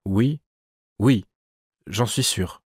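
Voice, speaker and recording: A man's voice: on the low side, drawn-out words, a little mellow, slightly rough, dry recording, clean studio sound, heavily acted. A man voicing an anxious young woman under hypnosis who hesitates, falters and pleads tearfully. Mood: hesitant.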